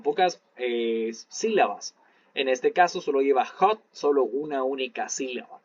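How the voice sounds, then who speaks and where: A man's voice: fairly high pitch, no echo. Man teaching, dull lo-fi audio. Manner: patient, repeats each example in English then Spanish. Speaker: English teacher. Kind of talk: online class explanation.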